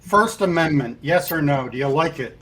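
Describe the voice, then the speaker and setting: A man's voice: a little high, animated, moderate pace, a bit bright, poor audio. A man on a podcast panel in a live debate, putting questions in an insistent, probing way.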